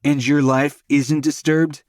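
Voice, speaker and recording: A man's voice: fairly high pitch, level tone, takes it slowly, no room sound, clean studio sound, voice pushed up. Man doing a hot-tempered protective brother. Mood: angry. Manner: snapping, cursing, forceful. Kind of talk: audiobook character voice.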